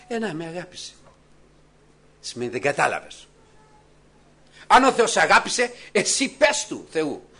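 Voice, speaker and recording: Preacher, bright, lively voice. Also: male voice, medium pitch, husky. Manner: dramatic swings from loud exclamations to hushed murmurs, asks the congregation questions. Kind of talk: sermon.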